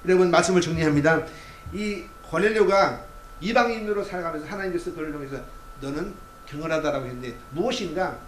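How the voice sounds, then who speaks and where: Conversational pastor with a fairly high voice. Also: male voice, expressive, fast. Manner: conversational preaching with many fillers and acted quotes. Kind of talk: Sunday sermon. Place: church sanctuary. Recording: roomy church sound with faint hum.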